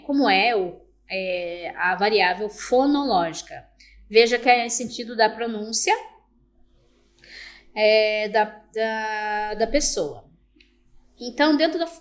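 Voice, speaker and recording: A woman lecturing online, explaining step by step, checking in with "tá?" and sounding out example words slowly. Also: fairly high pitch. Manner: explanatory, with frequent restarts and checking "tá?". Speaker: university lecturer.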